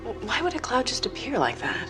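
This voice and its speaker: Fast-talking, lowish-voiced worried young woman, TV drama with score under. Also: huge pitch swings. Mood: earnest. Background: score music.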